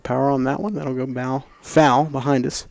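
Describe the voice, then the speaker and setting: Gravelly American male play-by-play commentator. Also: medium pitch, little pitch movement, normal speed, a little mellow. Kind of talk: live sports commentary.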